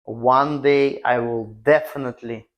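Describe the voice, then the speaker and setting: A man with a Russian accent talking casually to camera as a vlog host, in halting non-native English broken into short phrases. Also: medium pitch, fairly even intonation. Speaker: host of a car restoration channel. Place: garage.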